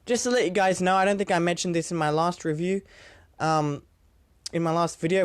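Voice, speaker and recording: A young man with a high-pitched voice chats through a movie review. He rambles, swears casually and trips over restarts and fillers. The sound is dry and close, with no room echo. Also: smooth.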